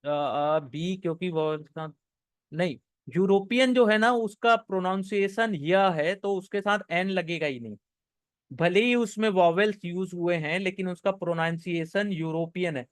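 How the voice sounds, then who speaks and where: Slow, high-voiced teacher. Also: male voice, smooth, no echo. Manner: encouraging, explains step by step, reads sentences slowly. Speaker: online English teacher. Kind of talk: live exam-prep class.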